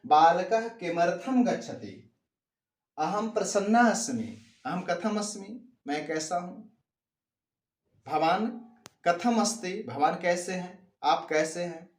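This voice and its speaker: A man with a slightly raised pitch teaching a Sanskrit lesson in a slow, measured way. He voices each example sentence and then explains it plainly, stressing the key words again and again. His voice rings with the echo of a bare room. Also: lively intonation. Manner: reads a Sanskrit sentence, then gives its meaning in Hindi; repeats key words with rising emphasis. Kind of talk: classroom lesson explaining grammar.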